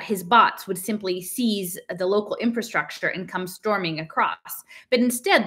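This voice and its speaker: A middle-aged American woman hosts a home stream from a small living room, chatting casually and reading aloud from a book without rehearsal. She speaks emphatically and conversationally, her voice fairly low in pitch and a bit bright.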